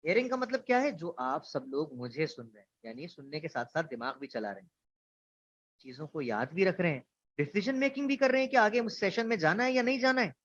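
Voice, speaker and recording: A man's voice: fairly high pitch, animated, brisk. A man giving an online orientation lecture, explaining ideas through examples and asking students questions. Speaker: instructor. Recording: dull lo-fi online class audio.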